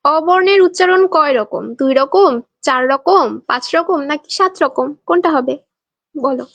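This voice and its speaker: High-voiced Bangladeshi woman teacher quizzing students. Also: moderate pace, fairly bright tone, dry recording. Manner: quizzing students, reading their answers aloud; teasing, playful. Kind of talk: online exam-prep class.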